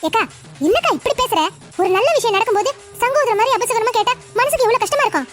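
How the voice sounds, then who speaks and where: A nervous neighbor woman in a cartoon family drama stammers and pleads in a very high voice, as a woman plays her. She sounds hesitant and worried, with soft music underneath. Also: fast. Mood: anxious.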